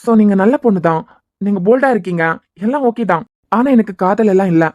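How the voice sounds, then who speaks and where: A woman with a Kanyakumari Tamil accent, voicing a soft-spoken, hesitant young office worker in a cartoon series. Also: medium pitch, lively intonation, quick pace, no room sound, highs cut off, close to an everyday voice. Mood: earnest. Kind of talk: cartoon web-series voice acting.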